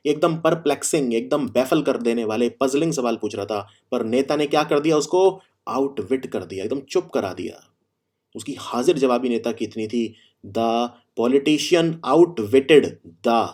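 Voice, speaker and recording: Man, vocabulary teacher, Hindi lesson, middle pitch, explains with examples, repeats key phrases. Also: darkish tone. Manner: reads English example sentences slowly and deliberately.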